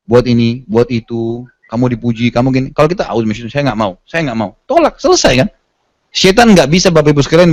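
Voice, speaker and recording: A man's voice: fairly high pitch, dry recording. Man preaching in a dry room. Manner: storytelling with acted quotes, casual colloquial asides. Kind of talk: religious lecture.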